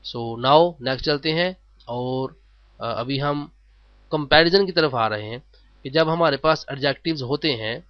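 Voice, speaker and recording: A man teaching a grammar lesson, explaining in Urdu and drawing out the English phrases slowly. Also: mid-range voice, no echo, dull audio. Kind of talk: classroom-style lesson.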